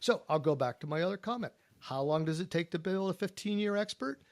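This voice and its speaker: Man, panel podcast, emphatic, folksy, higher-pitched, dry close sound. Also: expressive, fairly quick, dry recording. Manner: emphatic, folksy, rhetorical questions. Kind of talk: casual panel discussion.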